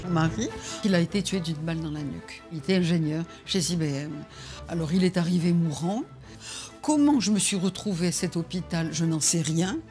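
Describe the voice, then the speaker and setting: A woman's voice: on the low side, brisk, warm tone. An older woman recounting personal testimony as an eyewitness. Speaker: widowed eyewitness. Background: faint music.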